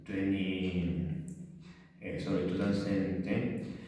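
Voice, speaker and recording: Young Spanish-speaking man, low and flat, presenting haltingly with many fillers and restarts, heard from far off in a roomy space. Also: a little hiss or hum. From Venezuela. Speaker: language student presenting. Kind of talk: class presentation. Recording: distant, echoey room.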